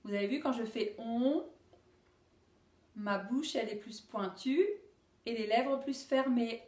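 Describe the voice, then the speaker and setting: A woman teaching a phonics lesson to young children, modelling words slowly and correcting herself with quick apologies. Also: recorded from a distance. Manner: slow, drawn-out word modelling with animated pitch; self-correcting, apologetic asides. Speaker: primary school teacher. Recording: echoey room, voice off-mic.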